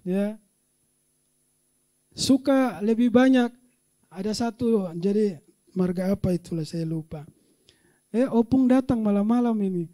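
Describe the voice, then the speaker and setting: A male pastor preaching a sermon with animated delivery, rising to loud shouts and laughing often, dropping low for quiet asides.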